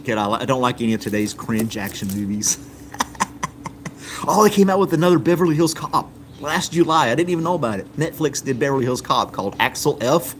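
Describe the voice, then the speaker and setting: Hosting a stream from the United States, a man in a mid-range voice speaks fairly quickly, rambling casually through viewer comments and dropping lots of ums. There's slight background noise.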